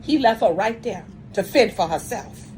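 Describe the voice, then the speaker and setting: Talking directly into the camera, a woman video commentator delivers an angry, blunt, confrontational rant, often stumbling and restarting mid-sentence, and says she has a strong voice. Her medium-pitched voice is animated and darkish at a moderate pace. There's slight background noise.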